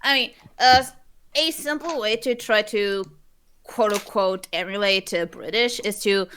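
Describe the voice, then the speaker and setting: Brief: woman player, bright tone, talkative and quick. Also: medium pitch, slight background noise. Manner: chatty, quick bursts with restarts. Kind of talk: casual chat between role-play scenes.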